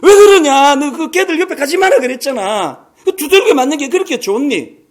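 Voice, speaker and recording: A woman's voice: expressive, brisk, darkish tone. A man putting on an exasperated scolding mother. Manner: shrill, scolding. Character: exasperated young mother scolding her little daughter.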